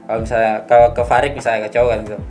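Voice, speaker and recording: A young man hosts a casual podcast. He explains at an unhurried pace and stops often to gather his thoughts. His voice sits in an ordinary middle pitch. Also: level tone, darkish tone, soft background music. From Makassar, South Sulawesi, Indonesia. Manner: explains patiently with many fillers, acts out local phrases. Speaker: podcast host.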